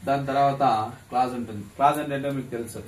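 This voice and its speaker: A man teaches English grammar to a class at rapid-fire speed, his voice medium-pitched, steady and darkish. He asks questions and repeats key terms for students to echo back, recorded by a distant mic in an echoey classroom with faint noise.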